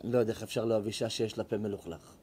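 A male rabbi giving a sermon in an emphatic, scolding, animated storytelling manner. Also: lowish voice, a little hiss or hum. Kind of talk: sermon with acted-out stories.

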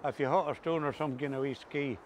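A man's voice: medium pitch, steady tone, fast. An older man with an Ulster Scots accent, chatting casually and reminiscing in broad rural dialect. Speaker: interviewee recalling farm life. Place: outdoors on a grassy coastal path by the sea. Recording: clear outdoor ambient noise.

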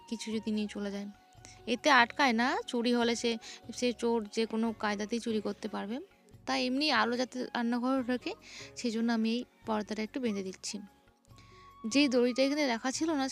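A woman's voice: a little high, vocal fry. A young woman, narrating her morning chores in a chatty home vlog. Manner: chatty, describing chores as she goes. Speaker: vlogger.

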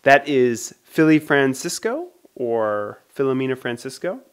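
A man hosting a casual vlog in an easygoing, playful way. He sounds out odd words slowly, and his voice sits at an ordinary, mid-range pitch. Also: very animated, clean tone. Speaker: vlog host. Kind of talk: casual chat.

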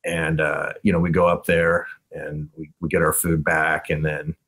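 A man's voice: a bass voice, flat delivery, normal speed, a bit bright. A man, a band frontman, chatting as a podcast guest and telling stories loosely, with lots of fillers and restarts. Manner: loose, rambling storyteller with many fillers. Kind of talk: casual podcast chat.

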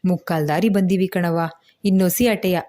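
A woman's voice: fairly low pitch, steady tone, normal speed, dark tone, close to an everyday voice. A woman voicing Karna, an eager village son. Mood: earnest. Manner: rustic village dialect, eager questions. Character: young village man, eager devoted son.

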